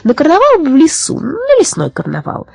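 Woman doing a high-voiced little witch. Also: wildly swooping pitch, moderate pace, vocal fry, no room sound, heavily acted. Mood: playful. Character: cheerful mischievous little female witch.

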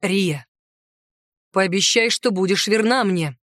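A woman voicing a possessive, insistent male centaur in an audiobook, speaking low, slow and firm. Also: a bit bright, no room sound, clean studio sound. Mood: solemn.

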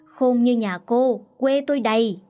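A woman voicing a sharp-tongued, scornful sister-in-law who scolds loudly, in a storybook reading. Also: a little high, unhurried, faint music behind, close to an everyday voice. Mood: scornful, scolding. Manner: loud, mocking and scolding.

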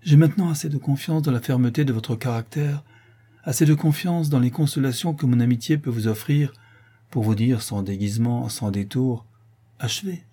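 Man doing sorrowful young woman friend, gentle, subdued, husky, dark. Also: mid-range voice, normal speed, natural voice. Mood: grave. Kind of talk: audiobook character voicing.

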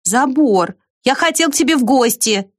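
A woman doing a small shouting ant. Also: lively intonation, moderate pace, dry recording, studio quality. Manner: high shouting. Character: small eager ant friend.

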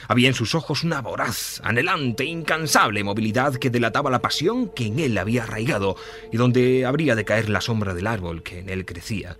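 A man narrating a classic Christmas story in a measured, storytelling way. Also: mid-range voice, animated, fairly bright tone. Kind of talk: scripted narration.

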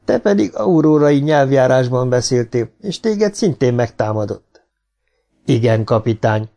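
A man reading an audiobook who voices a calm, humanlike male robot explaining things politely and logically. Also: mid-range voice, natural voice.

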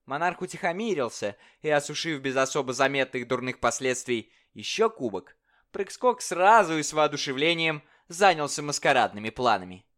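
A man narrating a literary story with a measured, expressive reading. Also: mid-range voice. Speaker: audiobook narrator. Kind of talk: dramatic audiobook narration.

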